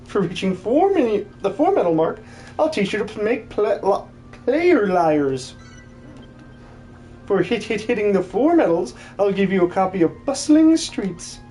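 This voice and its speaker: A jolly, fussy old hermit with a tic of saying words in threes is voiced for a video game dub, sounding excitable. The mid-range voice is very animated yet a little slow, with a warm tone. Soft music plays in the background.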